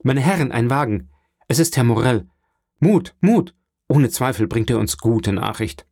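A man reading an audiobook and voicing an excited male guest who calls out eagerly. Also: mid-range voice, a little slow, no room sound, clean studio sound. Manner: eager, calling out.

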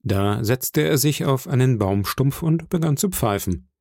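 A man reading an audiobook aloud in a calm, measured narration. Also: medium pitch, dry recording, studio quality. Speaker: audiobook reader.

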